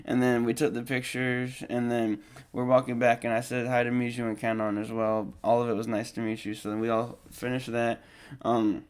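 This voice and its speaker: A young man hosts his podcast and tells a casual, rambling story. He is full of ums and false starts and keeps pointing to photos as he goes. His voice sits at an ordinary middle pitch for a man. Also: little pitch movement, moderate pace, few pauses, smooth. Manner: rambling, with many ums and restarts; shows photos while talking. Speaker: podcast host.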